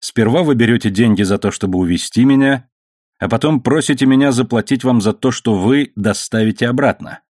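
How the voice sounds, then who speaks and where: A man reading the part of a grim, furious English gentleman held in chains, bitter and accusing. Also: mid-range voice, brisk, no echo, clean studio sound, lightly acted. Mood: angry.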